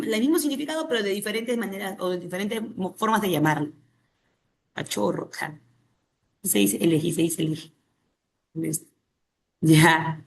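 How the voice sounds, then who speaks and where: Speaking at a medium pitch, this Peruvian woman leads an exam-prep language class with her Peruvian Spanish accent. Her habit is to pose questions to students, supply the answers herself, and often end with a tag question.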